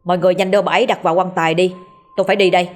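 A woman's voice: on the low side, level tone, lightly acted. Woman voicing a curt young exorcist man. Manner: blunt, dismissive, brisk.

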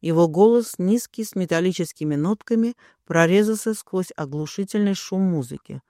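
A woman reading a first-person romance novel aloud in an even, measured manner. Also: on the low side, no room sound, studio quality. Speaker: audiobook narrator.

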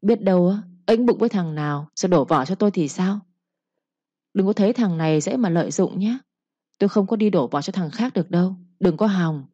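A woman's voice: on the low side, dark tone, no room sound, lightly acted. A woman voicing a callous young village man who rebuffs his lover with contempt. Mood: contemptuous. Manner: dismissive, contemptuous, fast. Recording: dull lo-fi recording.

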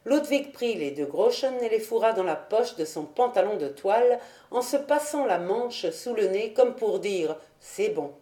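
A woman reading a classic novel aloud in measured, steady audiobook narration. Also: medium pitch. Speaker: audiobook reader. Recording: echoey room.

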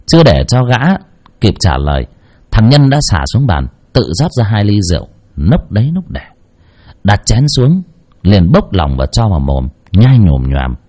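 Husky male storyteller. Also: fairly low pitch, big pitch swings, normal speed, mellow. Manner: dramatic, colloquial. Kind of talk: scripted narration.

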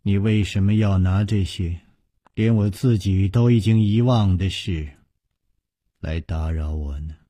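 A man voicing a cold, aloof middle-aged widow in a told story, speaking quietly and low with a detached manner. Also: animated, slow, long pauses, husky, exaggerated voice. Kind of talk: storytelling broadcast.

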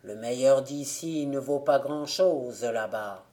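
A woman's voice: a bass voice, takes it slowly, mellow, voice pushed down. A woman voicing the ghost of a dead man in an audiobook, with a cavernous, grave and reproachful voice. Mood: solemn.

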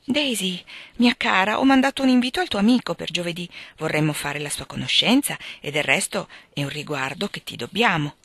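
A woman's voice: sits low, normal speed, few pauses, a bit bright, slightly rough, no room sound, full character voice. A woman voicing a sentimental, condescending rich teenage girl with a sugary, affected tone in an audiobook.

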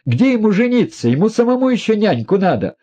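A proud, reckless young woman, voiced by a male reader in a raised, husky voice that swings widely. Her talk is mocking and defiant, full of scorn. It is an audiobook character reading. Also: high-pitched, sing-song, fairly quick, dark tone, pitched above the performer's own voice. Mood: defiant scornful.

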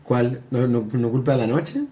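A man's voice: medium pitch, fairly even intonation, normal speed, mellow. Young Chilean guy, easygoing co-host, asks questions, casual slangy talk, mid-range voice. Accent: Chilean Spanish. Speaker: podcast co-host. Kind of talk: casual chat.

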